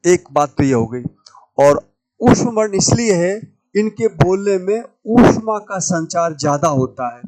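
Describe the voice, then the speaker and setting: A man teaching Hindi grammar in a lecture, slowly repeating key words to stress how they are pronounced. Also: high-pitched, expressive, a little mellow, no room sound, rough recording. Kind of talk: classroom lecture at a whiteboard.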